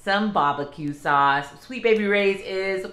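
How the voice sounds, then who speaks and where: A woman's voice: medium pitch, unhurried, a bit bright. A middle-aged woman chatting through a home cooking vlog, narrating each step and asking questions as she goes. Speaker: vlogger. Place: home kitchen and backyard patio. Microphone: handheld phone camera.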